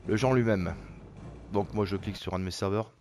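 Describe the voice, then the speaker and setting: A man's voice: lowish voice, brisk, darkish tone, a little hiss or hum. Hesitant man narrating his gameplay. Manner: hesitant, many fillers and repeated words. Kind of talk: casual gameplay commentary.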